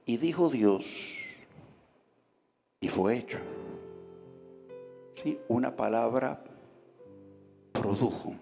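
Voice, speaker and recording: A man's voice: mid-range voice, expressive, very slow, creaky, pauses often, mellow. A man preaching a sermon, talking conversationally and often asking the congregation questions. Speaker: pastor. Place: church hall. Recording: reverberant hall with faint music behind.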